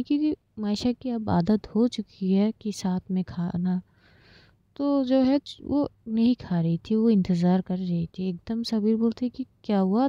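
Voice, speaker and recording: A woman's voice: medium pitch, no room sound. A woman narrating a romance story in a casual, plain way, with many fillers. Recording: slightly dull lo-fi recording.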